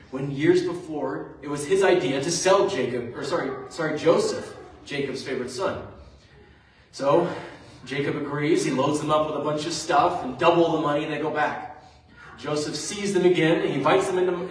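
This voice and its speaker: A man preaching a sermon, retelling a story in a conversational way with fillers. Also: fairly high pitch. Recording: very echoey room, mic far off.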